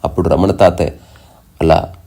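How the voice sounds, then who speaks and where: A deep-voiced man giving a spiritual discourse, his tone low and gravelly with a dark, mellow color. He chants Sanskrit verses slowly and then explains them plainly, like a teacher. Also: fairly even intonation.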